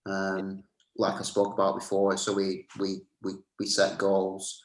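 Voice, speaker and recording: A man's voice: sits low, completely flat delivery, a little slow. A man, a health trainer giving easygoing advice over a video call, with plenty of "um" fillers. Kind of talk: casual advice chat. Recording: roomy echo.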